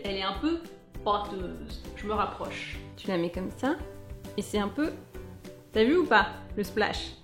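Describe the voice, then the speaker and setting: A woman's voice: a little high, reverberant. A young woman chatting through a casual beauty product review, playful and talkative, breaking into little sung asides. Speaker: beauty vlogger.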